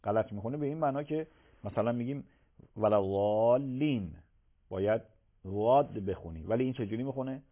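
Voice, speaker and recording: A man, a religious scholar answering viewers' questions on a live call-in program, emphatic and swinging between loud and soft. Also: medium pitch. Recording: tinny phone-like broadcast audio.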